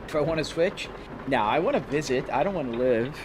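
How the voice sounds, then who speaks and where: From his home sim rig, a Brazilian man whose first language is Portuguese drives a truck sim on a live stream, casually chatting and greeting viewers by name. His fairly high voice is animated and fairly quick, with noisy background.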